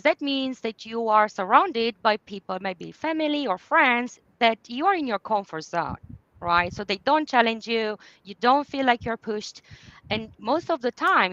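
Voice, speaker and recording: Romanian-accented woman in her 30s, coach guest; bright, dry sound. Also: fairly high pitch, animated, moderate pace, no echo, lo-fi sound. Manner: warm, laughs often, non-native phrasing. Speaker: guest, business clarity coach. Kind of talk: podcast interview.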